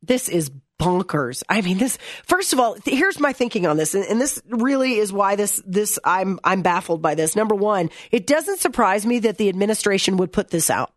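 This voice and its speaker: A woman's voice: mid-range voice, lively intonation, normal speed, few pauses, dry recording, studio quality. A woman hosting an opinion commentary segment, reading text aloud and mocking it in a sarcastic, blunt, exasperated way. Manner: reads text aloud and mocks it.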